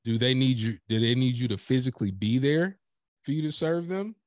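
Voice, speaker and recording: Animated man talking business, dry sound. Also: medium pitch, a little fast, no room sound. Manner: animated, emphatic storytelling with acted-out quotes. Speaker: podcast guest, professional speaker. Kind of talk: casual interview chat.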